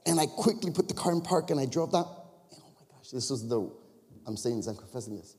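Pastor from the Chicago area, mellow male voice, chatty confessional sermon style, long church-hall reverb. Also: medium pitch, animated, fast talker. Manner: conversational storytelling with confessions and crowd asides. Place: church sanctuary.

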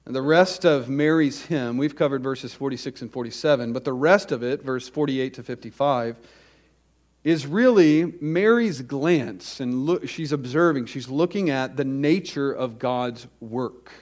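Male preacher at a pulpit mic, mid-pitched, deliberate sermon delivery with stressed lists. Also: darkish tone. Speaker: pastor.

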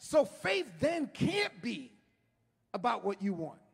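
A middle-aged man preaching an impassioned sermon as a pastor, often shouting and stretching his words, recorded in a church sanctuary. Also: extremely high pitch, huge pitch swings, slow pace, creaky, breathy edge. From United States. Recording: long hall reverb.

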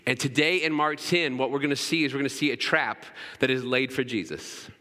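Bright-voiced pastor in a reverberant hall. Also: male voice, mid-range voice, a little fast. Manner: conversational, often adds "right?". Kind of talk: sermon. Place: church sanctuary.

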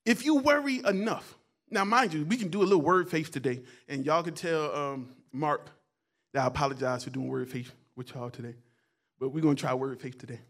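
A man preaching a sermon as a guest pastor, loud and emphatic in places and quiet in others, often repeating his words and phrases. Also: fairly high pitch, brisk. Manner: preaching, swings between quiet asides and loud emphatic calls.

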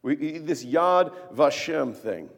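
A man in his thirties preaching a sermon as pastor, earnest, moving between hushed tones and emphatic peaks. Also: a little high, lively intonation, slow, gravelly. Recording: long reverb of a church hall.

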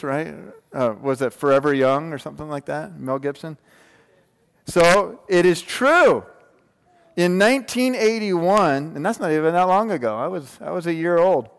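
His voice is a little high, clear, and resonant as he gives a casual sermon in a large room. The forties-aged preacher jokes with the congregation and checks in with rhetorical questions. Long hall reverb surrounds the audio.

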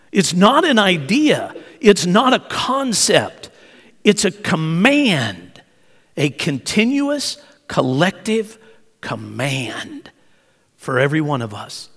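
A man's voice: fairly high pitch, a bit bright, breathy edge. A male pastor from Oklahoma preaching a sermon, repeating key phrases emphatically and leading the congregation in saying them back. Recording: long church-hall reverb.

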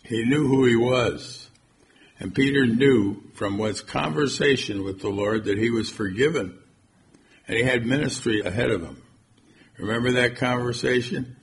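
A man's voice: medium pitch, normal speed, slight background noise. A man preaching a conversational sermon, reading scripture and asking his listeners rhetorical questions.

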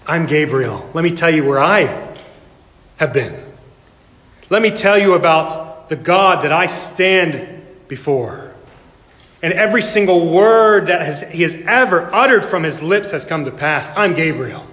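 A man's voice: a little high, expressive, unhurried, a bit bright. A man preaching, voicing a smirking, sarcastic male archangel who delivers a stern command. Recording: echoey hall with long reverb.

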